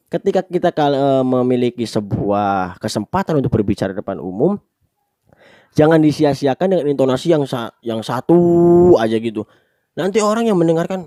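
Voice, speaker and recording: A man's voice: medium pitch, mellow, dry recording, clean studio sound. Chatty man teaching speaking. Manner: chatty, peppered with tag questions and demonstrations. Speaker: public speaking coach. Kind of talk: casual spoken tutorial.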